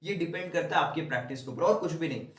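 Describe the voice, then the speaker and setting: A man's voice: on the high side, fast, fairly bright tone, recorded from a distance. A young man teaching an exam-prep lesson in a chatty, coaching way, mixing in English terms. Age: young adult. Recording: echoey room, voice set back from the mic.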